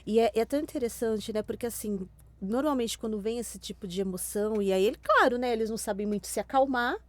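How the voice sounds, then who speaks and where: A woman's voice: on the high side, quick pace. A Brazilian woman co-hosting a parenting podcast, reflecting in an agreeable, casual way. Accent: Brazilian Portuguese. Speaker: podcast co-host.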